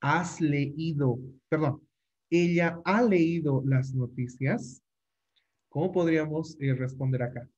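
A man's voice: on the high side, darkish tone, breathy edge, dull audio. A man teaching an online English class in Spanish. He is patient, repeats each phrase and keeps checking with the students.

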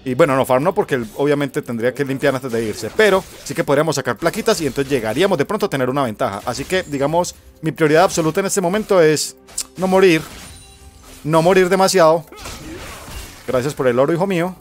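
A Colombian man narrating his own match in a loose, cursing, chatty way, muttering at the enemy and at himself. His voice sits a little high for a man. Soft music plays faintly underneath. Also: fast talker. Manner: casual, profane, talks to himself and his opponent. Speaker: gamer. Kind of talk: gameplay commentary.

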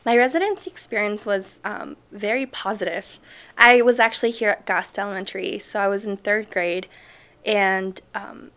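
A young woman from Chile answers interview questions as a teacher, pausing often with ums and letting her sentences trail off softly. Her voice sits at an ordinary middle pitch, and she is recorded indoors in a school library. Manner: thoughtful, frequent ums, soft trailing off. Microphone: off-camera mic, seated interview framing.

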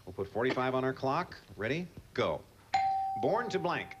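A man hosting a studio game show, reading clues in quick succession, heard from an old VHS tape recording. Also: medium pitch, sing-song, very noisy. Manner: brisk, rapid-fire reading of clues. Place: TV studio with live audience.

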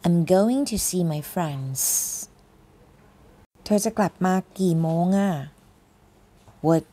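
A Thai woman gives a slow English phrase lesson. She sets each word apart before saying the whole phrase again. Her voice sits low and mellow, and her pace is very unhurried. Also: animated. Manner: drills each word slowly, then repeats the full phrase. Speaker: English teacher.

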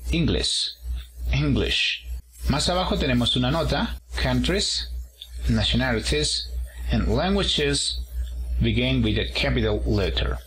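Slow, patient male English teacher. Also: medium pitch, a bit bright, slight background noise, rough recording. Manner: slow, patient, models English words after each explanation. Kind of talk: explaining a textbook page.

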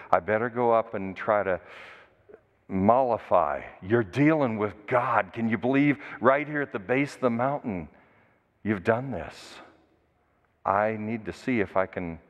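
Man acting out moses, low pleading prophet, humble, dull recording with a long church echo. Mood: earnest. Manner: pleading, earnest, intense.

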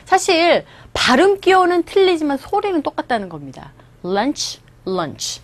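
A woman teaching English through movie lines. She explains each phrase, repeats it slowly and acts out the lines. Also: sits high, huge pitch swings.

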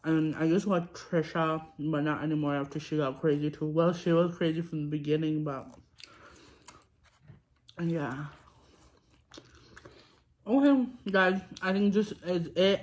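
Speaking low and unhurried with long pauses, a young vlogger eats and chats casually in a mukbang. Her talk meanders with ums and restarts, broken up by chewing and sipping.

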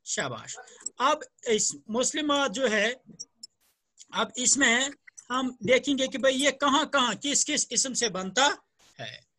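High, bright-voiced male Arabic teacher. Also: animated, slow. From Jammu and Kashmir, India. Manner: patient drilling, repeats words, praises students often. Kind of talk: online grammar lesson with students. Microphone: video call.

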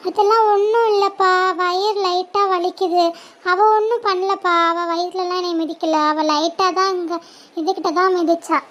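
A woman playing a meek teenage girl who talks softly and slowly in a family drama. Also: very high voice, steady tone, highs cut off. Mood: weak. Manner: soft slow weak. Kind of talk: family drama role-play.

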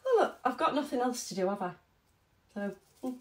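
A woman's voice: on the high side, very animated, a little fast, reverberant, background noise. A middle-aged woman playing a chatty, doting mother in a comedy short, speaking over a video call. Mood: fussing. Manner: chatty, fussing, homely. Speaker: mother of the bride. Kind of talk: comedy short film acting.

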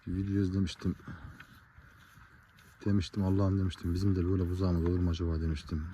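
A man's voice: deep voice, completely flat delivery, quick pace, warm tone, a little hiss or hum. A man, a cattle farmer, talking casually to his viewers and fondly coaxing his animals, out of breath. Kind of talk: casual farm vlog to viewers.

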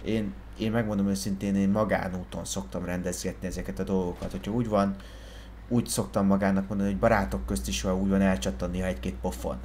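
A man in a game roleplay playing a self-important businessman, rambling on and at times shouting angrily. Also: low voice, level tone, a little hiss or hum. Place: game voice chat.

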